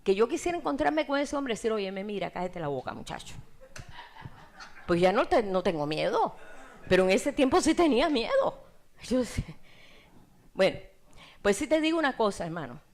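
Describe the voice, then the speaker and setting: Animated Cuban woman preaching testimony. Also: on the high side, brisk, long pauses. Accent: Cuban Spanish. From Cuba. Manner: animated storytelling, laughs often, voice rises in emotional peaks. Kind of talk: sermon testimony.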